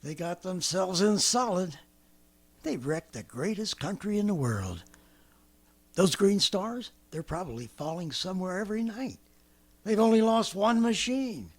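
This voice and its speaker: In 1930s radio drama style, an actor with a high-pitched, exaggerated, animated voice plays a rambling, boastful former militiaman. Speaking at a measured pace, he chuckles to himself as he lays out his survival plan in a scheming mood.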